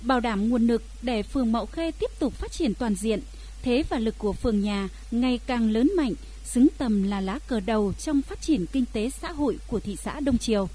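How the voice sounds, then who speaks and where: A woman's voice: on the high side, animated, moderate pace, dark tone, low-quality recording. A woman with a Northern Vietnamese accent presenting local radio news in a formal, scripted style.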